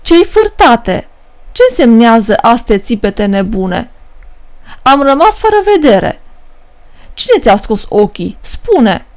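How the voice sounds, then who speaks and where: A woman's voice: fairly high pitch, very animated, darkish tone. Indignant devils, as a woman puts them on. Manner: indignant, questioning. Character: gang of angry male devils.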